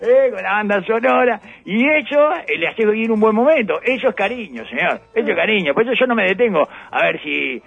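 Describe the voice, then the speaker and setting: A man, a radio host in comic banter, deadpan, calling the others "señor". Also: sits high, brisk, gravelly, few pauses, breathy edge, narrow, tinny audio. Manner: deadpan, keeps addressing others as "señor", bursts into chanting shouts.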